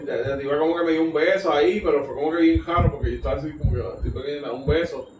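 Animated Puerto Rican man storytelling. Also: fairly high pitch, rapid-fire. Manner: animated, laughing, profane street slang. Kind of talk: casual storytelling. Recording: roomy distant mic with background noise.

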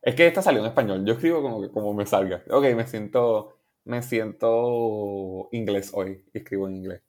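A young man from Puerto Rico with a Puerto Rican Spanish accent, a musician chatting in an interview, relaxed and rambling with English words mixed in. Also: lowish voice, moderate pace. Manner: relaxed, rambling, restarts often, laughs easily, mixes in English words. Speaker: musician guest. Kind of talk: casual interview chat.

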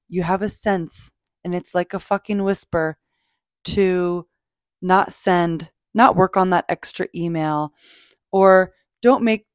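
Woman, lowish pitch, dry close sound, casual self-help podcast host, emphatic, gushing, sweary, unscripted. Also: no echo.

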